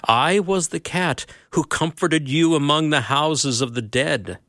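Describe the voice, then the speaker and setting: Man doing a vast, calm old lion, deep and slow, dry close sound. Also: no room sound. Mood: solemn. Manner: slow, grave and low.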